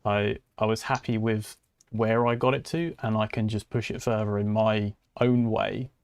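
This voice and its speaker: A man's voice: lowish voice, fairly even intonation, moderate pace, creaky, smooth. A man chatting on a podcast, hesitant with many restarts. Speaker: podcast co-host. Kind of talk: casual chat.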